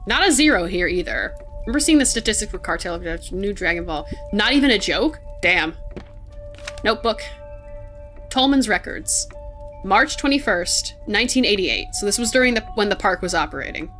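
A woman's voice: mid-range voice, animated, normal speed, a bit bright, soft background music. A woman streaming a video game, reading in-game notes aloud and chatting with her viewers. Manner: reads in-game notes aloud, chats with chat. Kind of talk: let's play commentary.

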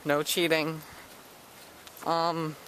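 A man's voice: a little high, completely flat delivery, drawn-out words, pushed and bright, a little hiss or hum. A young man filming a casual vlog outdoors at a woodland retreat camp, giving a joking, teasing tour with a handheld camera. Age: young adult. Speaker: vlogger.

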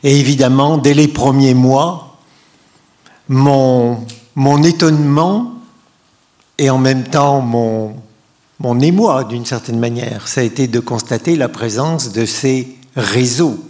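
An older man from France speaks slowly as a guest on a panel. He halts and repeats words as he searches for them, holding a handheld mic. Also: medium pitch, mellow. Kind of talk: public panel debate.

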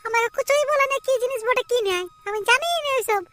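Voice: very high-pitched, fast talker, fairly bright tone, no room sound. A performer voicing a naive, frightened village boy with a Purulia Bengali accent who pleads and whines. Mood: protesting. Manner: pleading, whiny.

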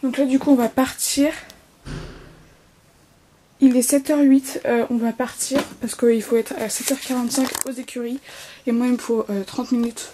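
A teenage girl vlogging casually at home, rambling with lots of fillers and restarts, her voice slightly hoarse. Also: a little high, level tone, moderate pace, pauses often, dark tone, a little hiss or hum. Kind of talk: casual vlog chat.

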